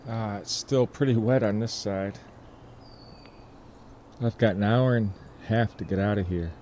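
A man in his forties narrates a casual nature vlog outdoors, chatting enthusiastically to a handheld camera at arm's length at a forest campsite and using lots of fillers as he thinks. His voice is fairly low and darkish, his pace measured, with a slight hiss or hum in the audio.

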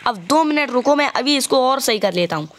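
A man giving casual gameplay commentary, chatty and walking the viewer through each step, stopping to fix his own mistakes out loud. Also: extremely high pitch, animated, fairly quick. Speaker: gaming channel host.

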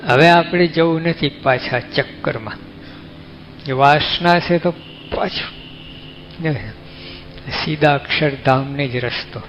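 Slow-speaking Gujarati monk, lo-fi. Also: male voice, on the high side. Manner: folksy, conversational, asks the listeners questions. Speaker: monk giving a discourse. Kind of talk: sermon. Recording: dull lo-fi recording with faint music.

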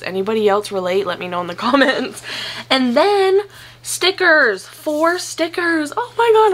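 Gushing young woman unboxing plants. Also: medium pitch. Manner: gushing, excitable, swears casually. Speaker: plant vlogger. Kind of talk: casual unboxing chat. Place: home.

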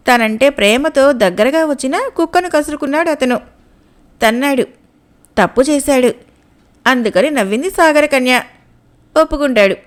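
A woman narrates a folk tale as a storyteller. Her voice is high and clear, and she reads steadily and evenly, a scripted storybook narration.

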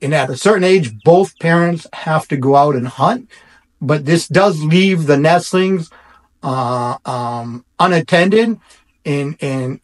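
A middle-aged man, a barn owl researcher, explains to camera in a reassuring way, often restarting his sentences. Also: a little high. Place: indoor room.

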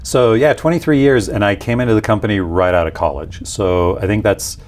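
This is a fortysomething Peruvian executive giving a conversational interview in a small indoor office lounge. His lowish, darkish voice moves a little fast, picked up by a lapel mic.

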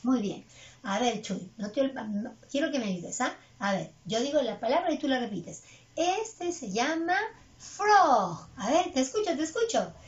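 A preschool English teacher runs an online class for small children, patient and coaxing, at a measured pace. Her high, lively voice rises and falls in a sing-song way, though the recording sounds dull and lo-fi.

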